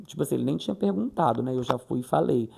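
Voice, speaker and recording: A man's voice: mid-range voice, animated, racing, creaky, darkish tone, breathy edge. A man from Brazil chatting casually in a vlog, retelling a conversation and acting out the quoted voices. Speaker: vlogger.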